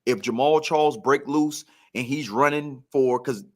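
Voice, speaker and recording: An unhurried man with a medium-pitched voice tells stories in casual sports talk. He is a former pro football player and guest storyteller who leans on repeated phrases for emphasis.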